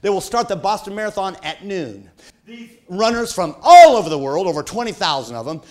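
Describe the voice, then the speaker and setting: A middle-aged man preaching a sermon, telling a personal story with folksy, dramatic swings from shouts to hushed tones. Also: sits high, very animated, brisk.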